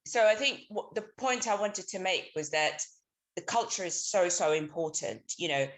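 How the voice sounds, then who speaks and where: A woman's voice: on the low side, normal speed. A woman in her thirties, originally from Somalia, calling in remotely to a book talk and making her points with many ums and restarts. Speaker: audience caller. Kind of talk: casual remote question.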